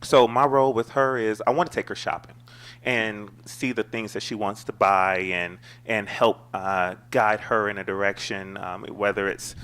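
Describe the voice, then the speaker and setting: A middle-aged man talks casually as a talk show guest. He tells his stories in a playful, animated way and jokes with the host. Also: lowish voice, moderate pace, clean tone. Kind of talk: casual chat.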